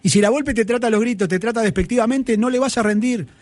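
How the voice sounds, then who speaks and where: Un hombre con acento argentino, comentarista deportivo en un debate acalorado; habla con énfasis, discute y repite sus argumentos. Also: male voice, very high-pitched, fast talker. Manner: emphatic, argumentative, repeats his points. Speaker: sports pundit. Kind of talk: heated sports talk debate. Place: broadcast studio.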